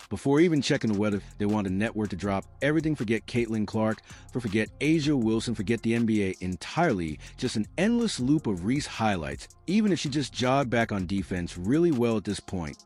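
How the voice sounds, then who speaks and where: Low, sarcastic male narrator. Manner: sarcastic, theatrical. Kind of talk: scripted mocking commentary.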